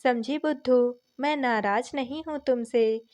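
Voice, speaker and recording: A woman's voice: high voice, measured pace. A woman voicing a kindly old father-in-law. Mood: affectionate. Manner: warm, soothing, fatherly tone. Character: kindly older father-in-law, affectionate and calm.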